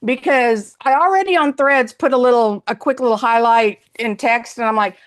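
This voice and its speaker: A woman with a Southern accent co-hosting a casual sports podcast, chatty and quick to laugh. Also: fairly high pitch. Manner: animated, laughs often. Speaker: podcast co-host. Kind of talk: casual chat.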